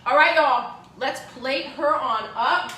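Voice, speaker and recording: A woman's voice: high voice, takes it slowly, reverberant, background noise. A woman hosting a live cooking class from her home kitchen, chatty and exuberant, calling her viewers y'all. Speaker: cooking show host.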